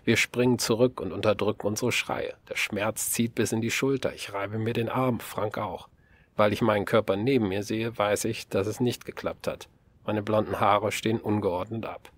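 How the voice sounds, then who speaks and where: A man giving a calm, measured first-person narration in an audiobook. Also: fairly low pitch.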